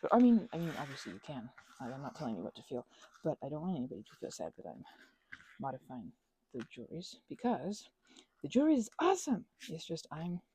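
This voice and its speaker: Chatting about crafts in a relaxed ASMR video, this woman creator rambles and interrupts herself playfully, her husky, breathy voice frequently slipping toward a whisper. She sounds low, warm, very animated and fast, with a little hiss or hum in the background.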